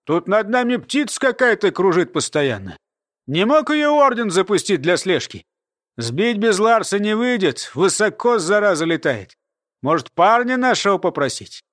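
A man's voice: high-pitched, sing-song, moderate pace, a bit bright, dry recording, clean studio sound, voice pushed up. A man voicing a blunt male soldier reporting to his commander in an audiobook. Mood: wary.

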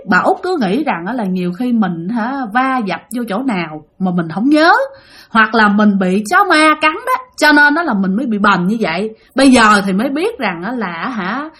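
Animated Southern Vietnamese woman storyteller. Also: fairly high pitch, normal speed, husky. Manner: animated, conversational, many fillers. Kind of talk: telling a ghost story to listeners.

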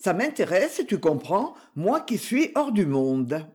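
Reader doing a tense bedridden husband, low raspy voice, slow, storybook. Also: male voice, sing-song, darkish tone, heavily acted. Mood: tense restrained. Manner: low, hoarse and restrained.

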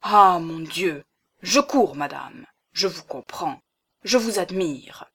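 A woman's voice: fairly low pitch, animated, slow pace, a bit bright, breathy edge, heavily acted. A woman voicing an eager, gallant middle-aged bourgeois man who makes fervent, emphatic promises. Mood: hurried.

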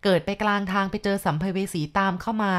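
A woman's voice: medium pitch, steady tone, fast talker. A woman casually retelling a ghost story in a chatty way, stopping for explanatory asides. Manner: chatty, adds explanatory asides and polite particles.

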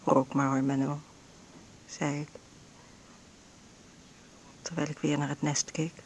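Playing a weary, intense, bedridden mother who is frail and ailing, an actress narrates a close first-person radio drama monologue. Her deep, breathy voice stays level and slow, frequently sinking into whispers, with a weary, reflective mood. She acts it heavily, and a faint hiss or hum runs underneath.

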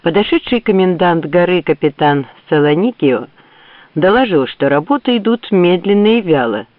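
A man's voice: high voice, animated, moderate pace, no echo. Man reading an audiobook, phone-like sound. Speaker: audiobook reader. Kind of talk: scripted narration. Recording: tinny phone-like dry audio.

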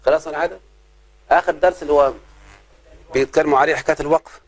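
Man, Egyptian accent, grammar teacher, classroom lesson, drawn-out examples, higher-pitched. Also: steady tone.

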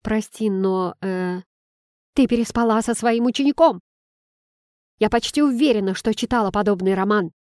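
A woman's voice: mid-range voice, normal speed, a little mellow, no room sound, clean studio sound, natural voice. Cheeky blunt best friend, as a woman reads her. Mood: teasing. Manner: blurting, cheeky.

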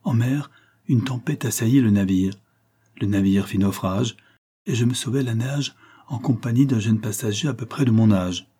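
Man playing a melancholy young convict, husky, deep, dark, grave and sorrowful, audiobook. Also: normal speed, natural voice.

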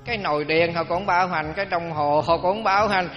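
Older man, Buddhist monk, folksy joking sermon, high voice, long reverb in a hall. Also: a little fast, dull audio, soft background music. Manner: folksy, humorous storytelling. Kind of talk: dharma talk.

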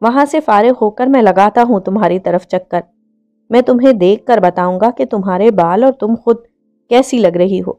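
A woman's voice: medium pitch, moderate pace, warm tone, soft background music, lightly acted. A woman voicing a hot-tempered young man who scolds his fiancée in a read-aloud story. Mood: placating. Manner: scolding, exasperated.

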